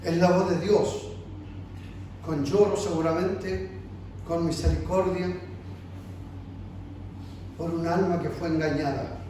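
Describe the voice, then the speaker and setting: A man's voice: on the high side, fairly even intonation, takes it slowly, long pauses. A man preaching a sermon in a pleading, emphatic way, recorded from a distance in a room. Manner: emphatic, pleading, acts out God calling softly. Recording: echoey church room from far off, faint noise.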